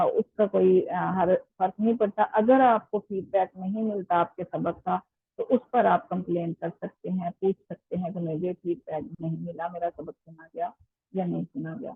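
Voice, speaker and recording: Woman teacher, patient online lesson, husky voice, tinny phone-quality audio. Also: medium pitch, no room sound. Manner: patient explaining with many pauses and fillers. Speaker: Quran recitation teacher.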